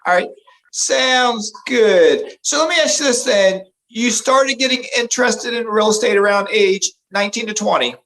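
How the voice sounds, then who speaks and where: A man's voice: high voice, moderate pace, vocal fry, fairly bright tone, poor audio. A man in his fifties hosting a casual interview, affable, repeating facts back to his guest. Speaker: interview host.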